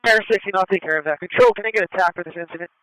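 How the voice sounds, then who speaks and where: A man's voice: high voice, very fast, sharp tone, clean tone, no echo, poor audio. A man doing police radio traffic in terse call-sign phrases, heard over a two-way radio with bursts of static. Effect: two-way radio transmission with static bursts.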